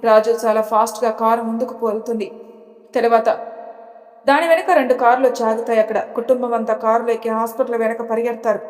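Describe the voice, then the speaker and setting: A woman storyteller with a fairly high voice narrates a serial drama episode in a steady, dramatic manner. A long reverb trails behind her voice. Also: brisk.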